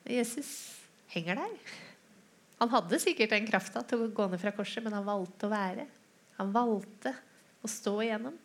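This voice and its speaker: A woman preacher retelling a scripture story in a sermon, with asides to the listeners and quoted lines acted out in a raised voice. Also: medium pitch.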